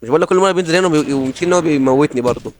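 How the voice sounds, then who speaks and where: A young man with an Egyptian Arabic accent commenting on his own online shooter match, rapid and excitable, repeating himself in frustrated outbursts. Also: a little high, slight background noise. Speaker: gaming channel host. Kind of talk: live gameplay commentary. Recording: music over gameplay.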